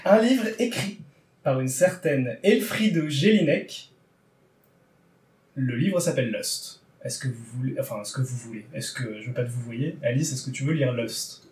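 In a casual podcast segment, a host running a book draw talks playfully, teasing and using plenty of words. His mid-range, darkish voice moves at a measured pace, recorded from a distance in a roomy space, slightly off-mic.

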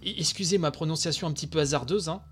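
Tired, excitable podcast host. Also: male voice, fairly high pitch, fast talker. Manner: excitable, chatty, many fillers and asides. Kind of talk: live commentary of a video stream.

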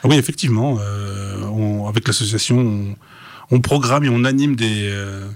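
A man's voice: fairly low pitch, vocal fry. A man who works as a voice actor, chatting in an interview and telling stories with enthusiasm. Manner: rapid, enthusiastic storytelling. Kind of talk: casual interview chat.

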